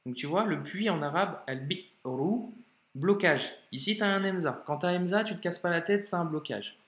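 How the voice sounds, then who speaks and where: A man teaching a video lesson in a patient, informal way, talking straight to the learner and drawing out example words slowly. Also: sits high, fairly bright tone, lo-fi sound. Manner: slow, drawn-out modeling of example words. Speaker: Arabic reading teacher. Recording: echoey room.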